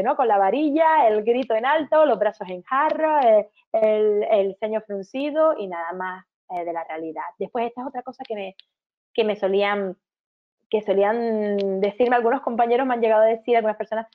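A woman with a Canarian Spanish accent, in her thirties, giving an online lecture to teachers and parents, breaking into warm, sing-song quotes of how to talk to children. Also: fairly high pitch, brisk. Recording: tinny phone-like sound.

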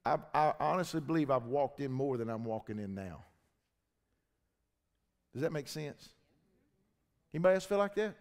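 A man preaching a sermon, swinging between loud shouting and low, intense talk. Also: animated, normal speed, long pauses. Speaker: pastor. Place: church hall. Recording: long church reverb.

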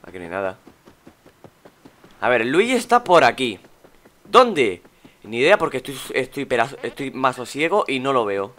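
A young Spanish man, a gaming YouTuber, chats and exclaims through let's play commentary, muttering as he searches. His mid-range voice has a sing-song lilt and a fairly bright tone, moving at normal speed with long pauses.

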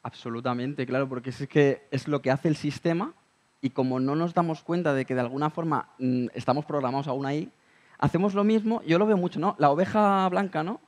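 A man's voice: a little high, a little fast. Thoughtful man giving everyday examples. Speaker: guest speaker. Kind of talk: reflective conversation at a talk.

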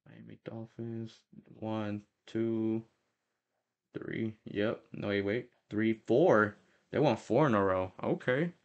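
A man's voice: on the low side, takes it slowly, muffled recording. A young man hosting a casual football prediction show, chatty and prone to correcting himself as a fan. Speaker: host. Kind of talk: casual sports prediction talk.

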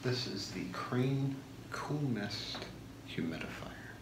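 A man in his thirties doing a whispered role-play as a shopping channel host, soft-spoken, with a slow, deliberate product pitch in a small room. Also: lively intonation. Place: small home room, indoors. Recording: echoey room with clear background noise.

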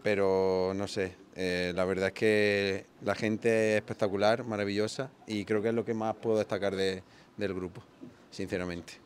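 A man with a fairly low voice answers interview questions in a hesitant, easygoing way, chuckling now and then. Clear noise runs behind him throughout. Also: little pitch movement, moderate pace. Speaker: carnival group member being interviewed. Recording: noisy background.

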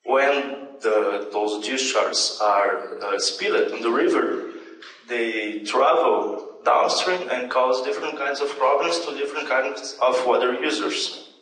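A young man from Brazil, a native Portuguese speaker, presents at a conference in halting English, correcting himself and using fillers often. His mid-range voice is a bit bright. It's heard through room speakers from his handheld mic and recorded far off by a camera in a large, dim, echoey lecture hall with a projection screen, with slight background noise.

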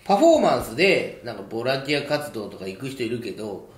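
A man's voice: medium pitch, very animated, quick pace. A young man from a comedy duo, opinionated and teasing his partner on a casual radio talk show. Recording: roomy studio echo.

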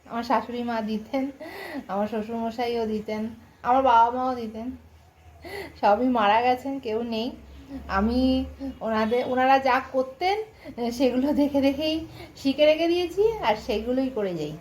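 A middle-aged woman with a Bengali accent, chatting quietly and casually to her viewers in an early-morning home vlog, keeping her voice low so the family can sleep. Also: moderate pace, long pauses, slight background noise, low-quality recording. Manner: soft-spoken, chatty, talking quietly so as not to wake the household. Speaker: vlogger.

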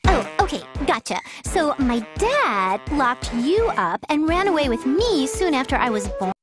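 Anime game lead: scatterbrained teen girl, squeaky-high, wildly animated, cheeky and slangy. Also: a little slow. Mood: puzzled, breezy. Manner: breezy, slangy, dramatic. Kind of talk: scripted anime game voice acting. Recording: loud music under the voice.

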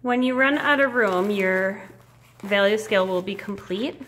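A woman art teacher giving a casual step-by-step demonstration in an encouraging, reassuring, informal way, with a creaky voice. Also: mid-range voice, measured pace, a bit bright.

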